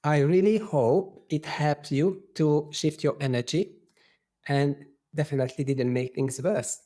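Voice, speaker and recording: Earnest Hungarian-accented man, fairly high voice. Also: steady tone, measured pace, dark tone. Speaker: podcast guest, qigong instructor.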